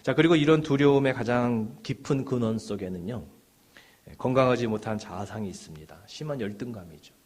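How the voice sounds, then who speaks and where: A man's voice: mid-range voice, brisk. Middle-aged guy pastor preaching, talks to the congregation casual-like, lots of "yes" fillers, asks questions back at them, voice in the middle range. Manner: conversational preaching with frequent "네" and "예" fillers; rhetorical questions, rising and falling in loudness. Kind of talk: sermon.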